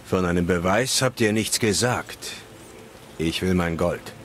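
A male actor playing a terse, stoic monster hunter in a fantasy video game, gravelly and deadpan. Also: low voice, a little slow, slight background noise. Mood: gruff, impatient. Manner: laconic, deadpan. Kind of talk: scripted video game dialogue in German dub.

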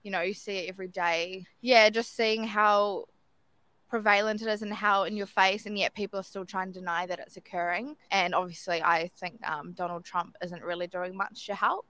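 Woman with a bright sharp voice, earnest, street interview. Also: medium pitch, fairly even intonation, normal speed, dry recording, poor audio.

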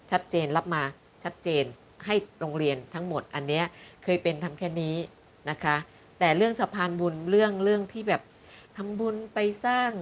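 A woman's voice: lowish voice, a little hiss or hum. A middle-aged woman hosting a fortune-telling livestream, chatting politely and reading viewer comments aloud. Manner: polite, chatty, reads comments aloud and stumbles over words. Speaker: fortune teller livestream host.

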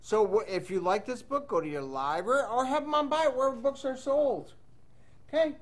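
Here the storybook reader's voice is very high and his pace brisk. He reads aloud to children in a sing-song, playful way and tosses in chatty comments to them.

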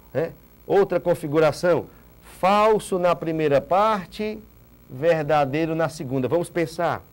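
In a green studio set, a teacher in his thirties from Ceará, Brazil, records an exam-prep lecture. His voice runs on the high side, and he's animated, posing rhetorical questions, answering them himself, and repeating key points.

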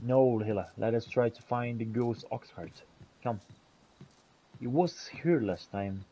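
A streamer delivers in-character role-play commentary on a fantasy game, pairing theatrical archaic speech with casual side comments. His medium-pitched voice is dark in tone and unhurried. The recording is low quality, with slight background noise.

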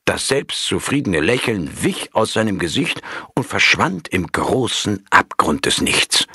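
A man reading a story aloud in a calm, measured storytelling manner. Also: on the low side, breathy edge, no echo, studio quality. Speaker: audiobook narrator. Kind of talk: scripted narration of a story.

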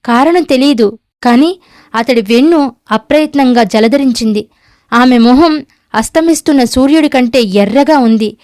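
A woman's voice: high-pitched, moderate pace, a little mellow, no echo, studio quality. A woman narrating a novel aloud, reading every character's lines herself in a near-natural voice. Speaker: audiobook narrator.

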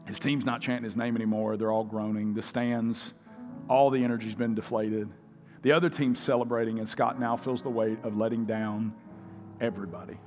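A man's voice: on the low side, steady tone, a little fast. Man preaching in a big echoey church. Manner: storytelling, shouting quoted lines, then altar call. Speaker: pastor. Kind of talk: sermon. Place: large church auditorium. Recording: live church hall with music behind.

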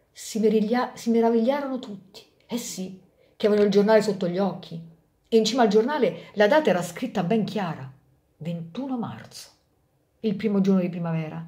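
A woman host reading a story aloud, expressive and shifting voices for the characters. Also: medium pitch.

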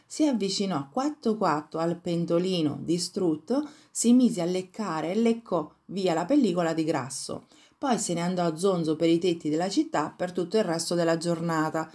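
A woman narrating an old fairy tale for children in a calm, even read-aloud manner. Her voice sits a little low and stays steady from line to line. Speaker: storyteller.

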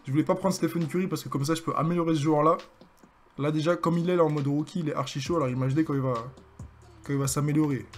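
A young man with a French accent commentating his own basketball video game, excitable and joking as he hypes his plays. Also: fairly high pitch, fast talker, faint music behind. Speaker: gaming streamer. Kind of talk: live gameplay commentary.

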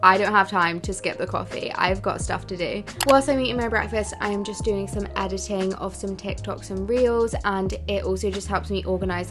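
A young woman in her twenties from England, narrating a casual day-in-the-life vlog in a chatty way full of "like" fillers. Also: lowish voice. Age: 20s. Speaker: vlogger. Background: background music.

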